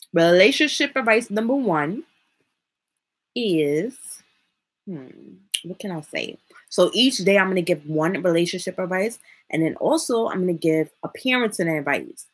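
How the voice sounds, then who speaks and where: A woman's voice: lowish voice, breathy edge. A woman live streaming and giving relationship and parenting advice in a casual, rambling way. She talks with a slight lisp from braces and thinks aloud between points.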